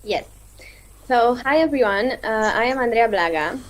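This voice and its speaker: A woman's voice: a little high, expressive, normal speed, low-quality recording. A woman introducing herself as a guest on an online panel over a video call, composed with a few fillers.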